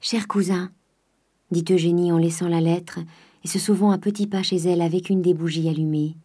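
Breathy, mellow woman narrator. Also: on the low side, steady tone, fairly quick. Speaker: audiobook narrator. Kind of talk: scripted narration of a classic novel.

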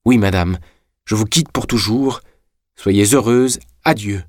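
A man's voice: on the low side, a little slow, dry recording, clean studio sound. A man reading aloud, voicing a calculating young man who speaks firmly and resolutely.

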